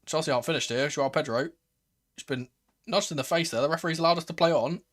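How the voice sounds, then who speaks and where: A man's voice: fairly high pitch, fast talker. Man doing live football watchalong commentary. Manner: excitable, swearing, shifting from murmured play-by-play to raised exclamations. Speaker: host of a football watchalong stream. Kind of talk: live football commentary with casual fan reactions.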